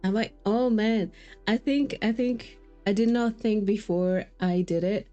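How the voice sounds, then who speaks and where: Her voice sits in the mid-range, warm and measured in pace, with the high frequencies cut off. She's a streamer giving informal, jokey live commentary on a game through a microphone, with game music faintly audible underneath.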